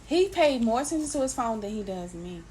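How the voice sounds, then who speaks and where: A woman's voice: a little high, big pitch swings, a little fast, darkish tone, a little hiss or hum, rough recording. A woman in her thirties, a podcast co-host, chatting casually and emphatically, often laughing. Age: 30s. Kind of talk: casual chat.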